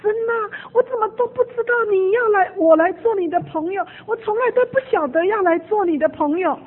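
A woman's voice: very high voice, fairly quick, voice pushed up. Woman acting a sobbing young preacher crying out. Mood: anguished crying. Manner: sobbing, pleading cries. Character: young male preacher crying out to God in snow. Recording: tinny phone-like sound.

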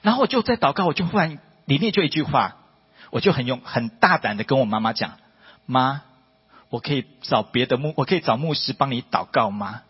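A man's voice: a little fast, husky. A man preaching a testimony sermon to a church congregation, emphatic and full of rhetorical questions. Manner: emphatic, rhetorical questions, rising to high excited peaks. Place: church hall. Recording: dull lo-fi audio with long hall reverb.

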